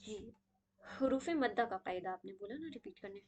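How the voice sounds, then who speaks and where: A woman's voice: mid-range voice, expressive, darkish tone, muffled recording, a little hiss or hum. A woman teaching a live online tajweed class over a video call. She keeps checking in with "okay?" and mixes in English words.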